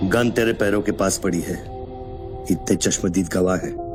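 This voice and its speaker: Man acting a cold, deep-voiced menacing caller. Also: close to an everyday voice. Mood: taunting. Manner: slow, taunting, calm threats. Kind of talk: Hindi film dub acting. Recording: loud film music behind.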